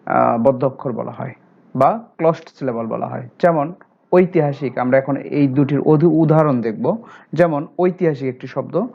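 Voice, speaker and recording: A man teaching as a teacher, explaining terms step by step and slowing down for examples. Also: on the high side. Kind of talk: classroom lesson. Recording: dull lo-fi recording.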